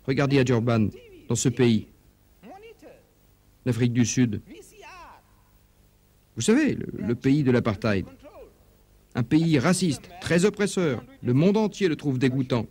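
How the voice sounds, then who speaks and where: A man preaching in a dubbed religious lecture, emphatic, asking rhetorical questions, his pitch swinging up and down. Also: expressive, a little slow, long pauses, darkish tone.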